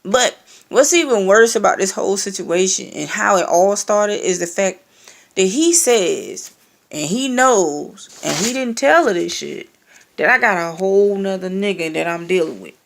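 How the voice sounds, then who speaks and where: A woman's voice: mid-range voice, normal speed, vocal fry. A young woman telling a personal story in a casual, profane and sarcastic rant, acting out the exchanges. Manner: profane, sarcastic, animated retelling with quoted exchanges.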